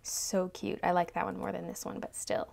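A woman's voice: medium pitch, flat delivery, normal speed, gravelly, a little mellow. A young adult woman chatting casually through an unboxing, gushing and exclaiming over cute things. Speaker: unboxing video host. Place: indoors, tabletop product shoot, speaker off camera.

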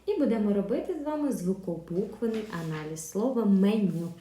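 A woman teaching a video lesson to young pupils, speaking clearly with pauses for answers and a sing-song teacher manner. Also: medium pitch, animated, warm tone, slight background noise. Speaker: primary school teacher. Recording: echoey room.

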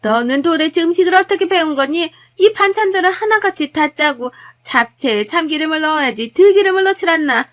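Woman putting on a shrill scolding mother-in-law. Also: animated, a little fast, hardly any pauses. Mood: scornful. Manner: nagging, contemptuous, loud. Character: scolding, haughty middle-aged mother-in-law.

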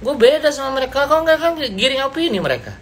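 A man, ranting bluntly and confrontationally on a live stream, loud and slangy. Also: very high voice, big pitch swings, quick pace, a little hiss or hum. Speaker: livestreamer. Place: indoors, seated.

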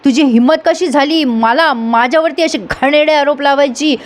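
A woman's voice: sits high, moderate pace, lightly acted. Brief: stern soap matriarch, contemptuous and threatening, woman reading. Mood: fierce. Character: proud, fierce mother-in-law, stern and threatening.

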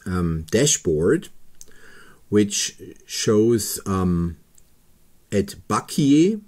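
Man slowly talking through a website. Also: on the low side, mellow. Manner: slow, careful, step-by-step with pauses and fillers. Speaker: paragliding pilot explaining a registration website. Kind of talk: screen-recorded tutorial narration.

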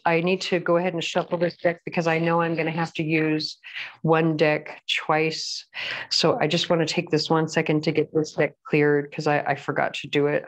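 Low-voiced woman giving a chatty tarot reading. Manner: chatty and rambling, apologetic asides. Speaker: tarot reader. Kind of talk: casual pick-a-card reading. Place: at home with a pet bird.

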